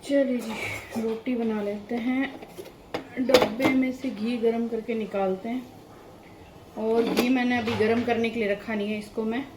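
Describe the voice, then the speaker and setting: A woman's voice: a little high, fairly even intonation, measured pace, noisy background. A middle-aged woman chatting casually to viewers in a home vlog, homely and talkative, often calling out "chaliye ji". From India. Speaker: vlogger.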